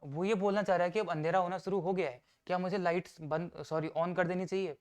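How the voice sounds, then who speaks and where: An English teacher runs an exam-prep grammar lesson, explaining step by step, reading example sentences slowly, and answering his own questions. His voice sits high with a steady, slightly mellow tone.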